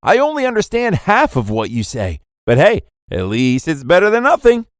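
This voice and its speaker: A man's voice: high voice, huge pitch swings, normal speed, dry recording, studio quality, pitched above the performer's own voice. A man doing a blunt little kid.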